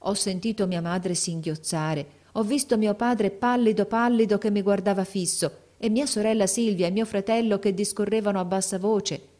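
A woman reading a classic novel aloud as audiobook narration, gently and in measured phrases. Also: medium pitch.

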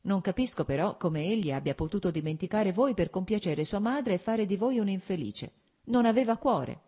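A woman's voice: medium pitch, animated, moderate pace, mellow, husky, voice pushed up. Kitty, a woman voicing an eager young lady. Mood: earnest. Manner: intense, emotional questioning. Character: earnest young noblewoman, eager and impulsive.

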